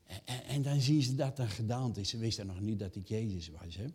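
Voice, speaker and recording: A man's voice: lowish voice, brisk, a little mellow, husky. An older man preaching a sermon, asking the congregation rhetorical questions and raising his voice for quoted reactions. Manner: rising emphatic acted quotes. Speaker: pastor.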